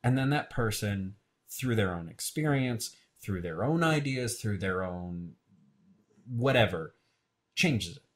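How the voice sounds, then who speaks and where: A man's voice: fairly low pitch, lively intonation, slow. A man, a filmmaker guest, talking in a casual interview, often hesitating and repeating words. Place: radio show studio.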